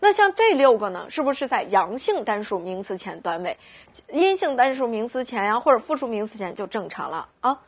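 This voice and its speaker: A woman teaching a recorded grammar lesson, pausing constantly to ask her students rhetorical questions. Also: fairly high pitch, sing-song, breathy edge.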